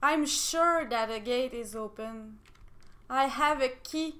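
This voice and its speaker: A young French woman with a French accent, chatting excitedly while playing a game, laughing often and breaking into squeals and shouts. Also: high-pitched, takes it slowly. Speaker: game streamer. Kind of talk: casual gameplay commentary.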